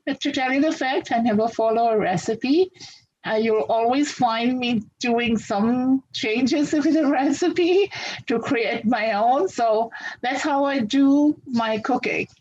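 A woman from Fiji with a fairly high, husky voice, talking about everyday life in a practical, upbeat way. The recording sounds a little dull and lo-fi. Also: slow, darkish tone. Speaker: interview guest. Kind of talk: casual interview answers.

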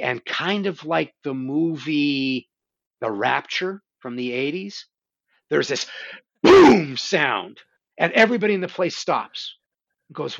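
A man's voice: fairly high pitch, vocal fry, fairly bright tone, no echo, muffled recording. A man hosting a show, casually and animatedly retelling horror stories, swearing now and then. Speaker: podcast host. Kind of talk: casual conversation about horror films.

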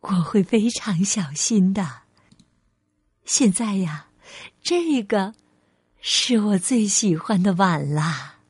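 A patient, loving storybook mother who reassures in a gentle, lowered voice, played by a woman reading aloud. She speaks slowly and warmly and never rushes. The recording is dry and close. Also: animated, slightly rough, no room sound. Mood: tender.

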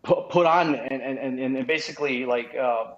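Speaking at a moderate pace with a medium-pitched voice, a man from Vietnam in his thirties recounts his life casually as a podcast guest, wandering off track with frequent restarts and fillers. The sound is roomy, dull and lo-fi.

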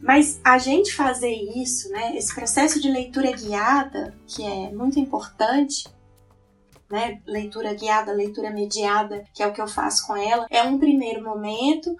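A woman with a Brazilian Portuguese accent talks through her teaching process in an earnest, explanatory way, checking in with frequent tag questions. Her voice is a little higher than usual and sounds slightly distant from the microphone. Faint music plays in the background. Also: normal speed. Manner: earnest, often tags "né". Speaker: educator. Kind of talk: explanatory presentation.

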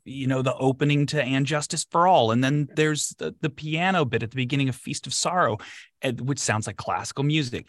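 A man's voice: mid-range voice, fairly bright tone, no echo. Effusive male interviewer in a dry space. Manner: effusive, encouraging. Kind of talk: casual conversational interview.

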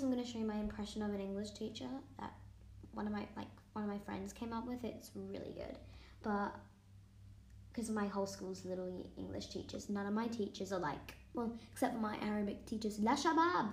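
A woman's voice: mid-range voice, steady tone, a little fast, darkish tone. Chatty young woman thinking aloud. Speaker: student. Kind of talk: casual vlog, quizzing herself on vocabulary. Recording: echoey room.

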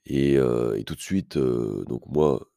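A man's voice: extremely low pitch, slow, creaky, warm tone, dry recording, clean studio sound. A man hosting a podcast, telling a story in a casual monologue with many hesitations and fillers, blunt and self-assured in tone. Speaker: podcast host.

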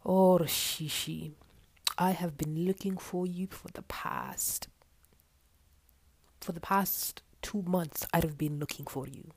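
Woman doing a devoted lovesick man, soft tender delivery, slow and creaky. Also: on the low side, no room sound. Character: devoted man seeking his lost love.

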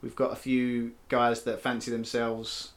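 A man's voice: medium pitch, monotone, measured pace. A man co-hosting a casual sports podcast, chatty and self-mocking with many fillers. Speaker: podcast co-host.

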